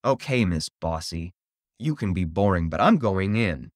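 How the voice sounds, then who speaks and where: A man's voice: sits low, expressive, measured pace, no echo, studio quality, pitched below the performer's own voice. A man voicing a mischievous, defiant little girl, the younger sister, who talks in a cheeky, teasing way.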